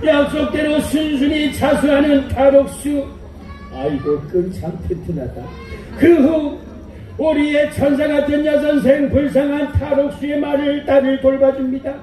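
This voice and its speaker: A man's voice: very high-pitched, flat delivery, normal speed, dark tone, soft background music. A man narrating a live stage play in the old byeonsa manner, declaiming in a sing-song way. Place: outdoor festival stage. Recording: echoey outdoor PA sound from far off.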